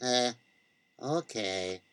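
A man voicing a muddled, timid male customer who stammers and mumbles slowly. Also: mid-range voice, animated, a bit bright, clear, resonant tone, dry recording, voice pushed down. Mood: meek. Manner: hesitant, stammering.

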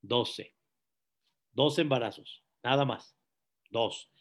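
A rabbi preaching, telling stories and quizzing the audience with questions. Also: male voice, mid-range voice, slow pace. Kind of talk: sermon.

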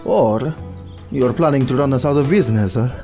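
A man playing a kindly, wise old religious elder who speaks calmly and gently in an audio drama. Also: mid-range voice, moderate pace, faint music behind, lightly acted. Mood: wry, kindly.

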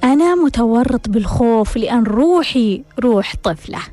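A woman's voice: a little high, lively intonation, moderate pace, warm tone, faint music behind. A woman hosting a self-help radio talk, asking rhetorical questions and repeating them for emphasis. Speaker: radio host.

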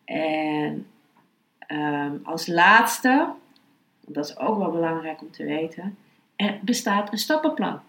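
Woman teaching calmly in an echoey room. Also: low voice, slow pace, long pauses. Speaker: yoga philosophy and meditation teacher, podcast host. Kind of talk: spoken lesson, then slow guided meditation. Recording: roomy, echoing sound.

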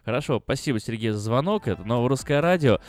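A man's voice: mid-range voice, animated, fast. A man hosting a live radio call-in show, talking opinionatedly at a studio mic. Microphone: close studio microphone.

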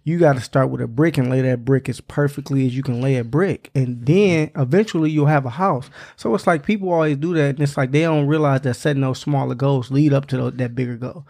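A young American man hosting a casual chat, talking in relaxed, everyday slang. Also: medium pitch, a little fast, creaky, few pauses. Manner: slangy, conversational. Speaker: podcast host.

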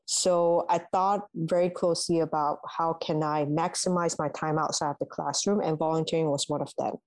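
Young woman from malaysia talking through her uni years, lowish voice, dry close sound, lots of ums. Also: fairly even intonation, no echo, rough recording. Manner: measured and thoughtful, with frequent ums and restarts. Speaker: guest, alumna. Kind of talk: reflective interview answers.

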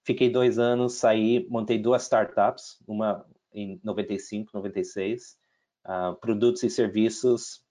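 Warm, fairly low and steady, the voice of a middle-aged investor from the United States unfolds unhurriedly as he recounts his career in Portuguese. It is casual interview talk, with many restarts and fillers and a scattering of English words. His accent is American, with hints of Brazilian and European Portuguese.

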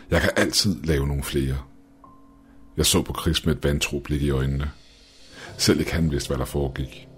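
A man's voice: extremely low pitch, darkish tone. A man narrating a first-person horror story in a tense, dramatic way. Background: faint music.

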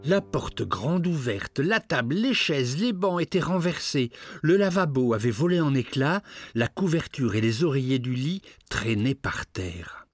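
Man, fairy tale narrator, animated, expressive storytelling, music behind. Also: mid-range voice, unhurried. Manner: expressive, rising and falling storytelling. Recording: narration over clear music.

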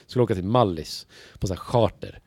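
On a dry recording, a stand-up comedian with a lowish voice chats casually as a podcast guest. He tells stories animatedly, acting out other people's lines, with plenty of swearing and filler words.

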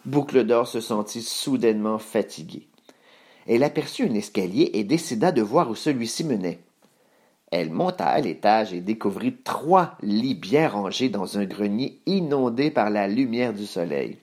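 A man reading a children's story aloud in a measured, expressive way. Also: lowish voice.

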